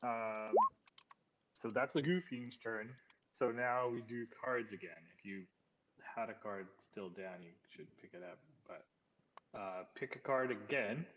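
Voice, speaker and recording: A man's voice: fairly low pitch, a little slow, a bit bright. A man running a tabletop game as game master, thinking aloud hesitantly with lots of ums. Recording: dull lo-fi audio with faint noise.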